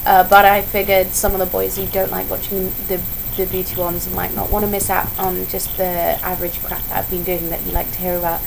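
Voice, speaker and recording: A woman's voice: on the low side, completely flat delivery, a little fast, vocal fry, few pauses. A young woman who is ill, with her voice starting to go, chatting in a casual, rambling vlog way and often wandering off on tangents. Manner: digressive, chatty, self-interrupting. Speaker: vlogger. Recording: noisy home vlog recording.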